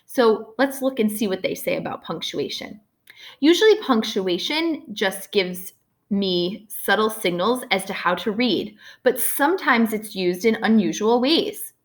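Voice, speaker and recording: A woman's voice: mid-range voice, expressive, measured pace. Chatty teacher woman explaining a lesson. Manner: chatty, many filler words, checks in with "right?". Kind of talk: casual recorded lesson.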